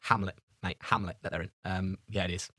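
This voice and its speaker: A man's voice: low voice, fairly even intonation, a little fast, bright, forceful tone, dry recording, clean studio sound. A man, co-hosting a casual podcast chat, slangy and laughing often. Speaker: podcast co-host.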